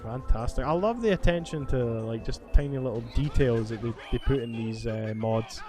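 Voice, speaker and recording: Playing a video game, the gaming host rambles and swears his way through casual commentary. He speaks at a moderate pace with a medium-pitched voice, while video game music plays faintly in the background.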